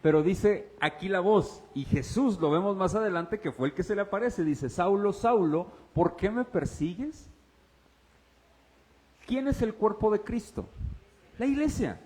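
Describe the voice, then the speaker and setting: A man with a high-pitched voice preaching a sermon. He drops into hushed, low stretches, then rises into excited exclamations and speaks straight to his congregation. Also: normal speed. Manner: swings between hushed low passages and raised, excited preaching; exclaims and addresses the congregation directly. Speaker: pastor.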